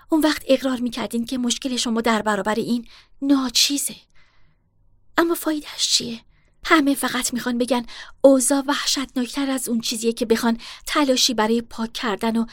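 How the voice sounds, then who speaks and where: A woman voicing a calm, persuasive young woman in a storybook reading, polite and coaxing. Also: on the high side, dry recording, clean studio sound, natural voice.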